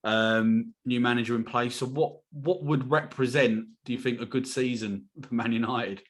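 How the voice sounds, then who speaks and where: A man runs a casual podcast chat at an ordinary pitch. He jokes with his guests and laughs a lot, filling pauses with relaxed ums as he moves between questions. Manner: laughs often, friendly banter with fillers. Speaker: podcast host.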